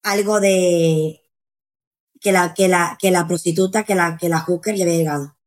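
A woman's voice: lowish voice, fairly even intonation, moderate pace, poor audio. Frank woman in her thirties. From Houston, USA. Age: 30s. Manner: frank, swears freely, switches into English. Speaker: guest. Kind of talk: candid casual conversation.

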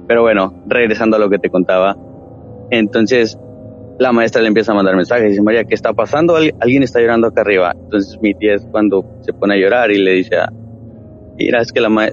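A man telling a true ghost story from his family, in a casual, animated way, acting out what his relatives said. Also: on the low side, dull audio. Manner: animated retelling with quoted voices.

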